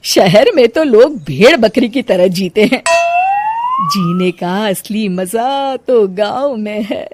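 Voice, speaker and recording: A woman voicing an older cartoon mother-in-law who rants loudly, grumbling about city life and missing her village. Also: a little high, expressive, takes it slowly, very noisy. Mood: fed up. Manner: loud, complaining rant. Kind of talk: cartoon voice acting.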